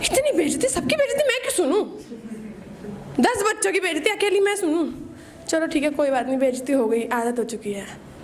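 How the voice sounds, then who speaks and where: A young woman performs a first-time stand-up set at a small open mic, her voice very high-pitched. She jokes about getting scolded at college and mimics her teachers. A light background noise sits under her nervous, self-mocking delivery. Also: lively intonation, a little fast. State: nervous, shaking. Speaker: stand-up comedian.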